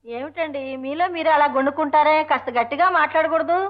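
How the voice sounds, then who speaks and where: An actress playing a naive, chatty young wife who speaks sweetly and coaxingly in an old film comedy. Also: female voice, high-pitched, quick pace, background noise, natural voice. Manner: sweet, coaxing, hard of hearing. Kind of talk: 1970s Telugu film comedy. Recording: dull lo-fi film soundtrack.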